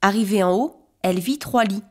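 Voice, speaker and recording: A woman narrating a children's fairy tale in a clear, expressive and rhythmic reading voice. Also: medium pitch, brisk. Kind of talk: storybook narration for young children. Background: music.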